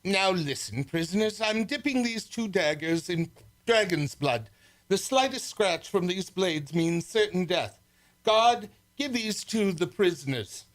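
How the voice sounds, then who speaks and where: Imperious radio-serial prince, played by a man: high voice, theatrical orders, cold menace. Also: animated, unhurried. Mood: menacing. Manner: commanding, theatrical. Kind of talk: old adventure serial radio acting.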